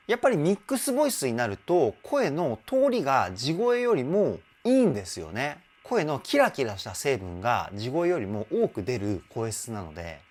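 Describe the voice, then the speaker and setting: A man working as a vocal trainer, giving enthusiastic vocal analysis commentary and explaining clearly, with a song playing faintly behind him. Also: mid-range voice. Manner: enthusiastic, explains with sung demonstrations.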